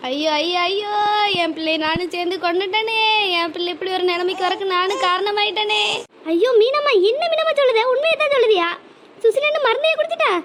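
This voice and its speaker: Woman doing a village mum from a cartoon, very high and wailing, bit of background hiss. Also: bright, forceful tone. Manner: wailing, lamenting in repeated cries. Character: grief-stricken village mother, middle-aged woman. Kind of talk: cartoon drama voice acting.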